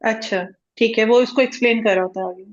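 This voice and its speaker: A woman's voice: fairly high pitch, steady tone, quick pace, dull audio. Hesitant woman student on a call. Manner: hesitant, searching for words. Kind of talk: asking questions in online class.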